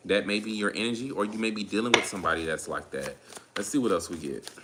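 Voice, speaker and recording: Very deep-voiced laid-back Southern man. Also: heavy background noise. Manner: laid-back, drawn-out, repeats phrases while calling on spirit. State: tired, drained. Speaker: tarot reader. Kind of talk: casual tarot reading monologue.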